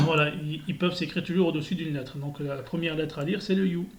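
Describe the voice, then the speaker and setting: A man teaching a beginner Arabic lesson, reading syllables slowly and deliberately and clearing his sore throat often. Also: on the high side, fairly even intonation, fairly bright tone.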